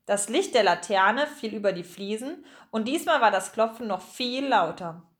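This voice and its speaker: A woman reads a children's story aloud with an expressive, lilting delivery. Her voice sits a little high and moves freely, slowing down to build suspense. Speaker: audiobook narrator. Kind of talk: children's audiobook narration.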